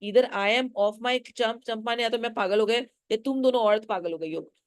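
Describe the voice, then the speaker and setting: A woman's voice: on the high side, normal speed, no room sound, clean studio sound, lightly acted. A woman teacher reading out the lines of an exasperated, helpless middle-aged husband in a classroom play reading. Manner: incredulous, complaining.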